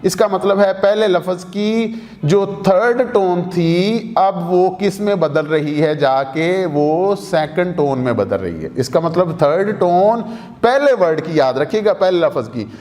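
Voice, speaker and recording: A man teaching Chinese tones, explaining slowly and repeating points to his students. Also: sits high, expressive, darkish tone. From Pakistan. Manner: slow, repetitive explaining with questions to students. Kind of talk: explaining lesson at a whiteboard. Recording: long reverb in a hall-like room.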